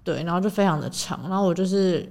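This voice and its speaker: A woman's voice: lowish voice, fast talker, gravelly, a little mellow. A woman co-hosting a casual chat show, telling a story hesitantly with many fillers. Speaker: podcast co-host.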